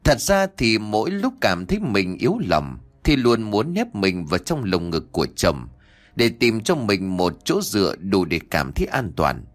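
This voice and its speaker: A man narrating a ghost story in an expressive storytelling manner. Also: lowish voice, moderate pace. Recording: faint background music.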